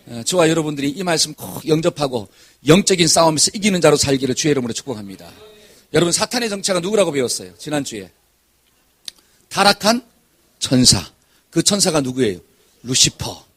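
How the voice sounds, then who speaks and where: A man's voice: a little high, fairly bright tone, breathy edge. A male pastor preaching a sermon, asking the congregation questions and answering them himself, call-and-response style.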